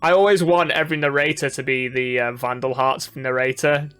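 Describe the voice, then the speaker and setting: A man's voice: medium pitch, steady tone, brisk, fairly bright tone, clean tone, faint music behind. A man playing a game and joking through it as a let's play co-host. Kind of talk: casual game commentary.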